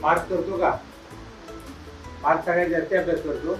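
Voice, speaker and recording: A man playfully quizzing schoolchildren, coaxing and teasing them and urging them to speak louder. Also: a little high, steady tone, moderate pace, faint music behind, rough recording. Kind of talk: playful classroom questioning.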